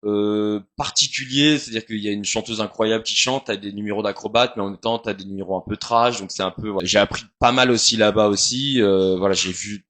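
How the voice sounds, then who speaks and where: Man in his thirties with a lowish voice, a performer recounting his career in a relaxed interview, rambling and full of hesitations. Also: a little fast, few pauses. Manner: chatty, rambling, hesitant with many fillers. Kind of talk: casual storytelling interview.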